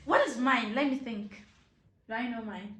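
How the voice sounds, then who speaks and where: A woman's voice: fairly high pitch, normal speed, a bit bright. Chatty young woman in an echoey room. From Nigeria. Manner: chatty, playful, many fillers and restarts. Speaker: host. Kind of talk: casual chat.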